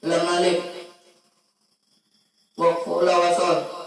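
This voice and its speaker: High, flat-voiced male student reciting rules. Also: gravelly. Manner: rote, rapid recitation with chanted Arabic terms. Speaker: student taking an oral exam. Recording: very echoey room, distant mic, faint music.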